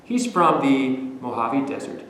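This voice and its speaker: A young man from the western United States, an educator teaching children on a virtual field trip in a lively, questioning manner. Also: medium pitch, measured pace, a little hiss or hum. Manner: animated, speaking to children with questions. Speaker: nature center educator. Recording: echoey, distant, long reverb.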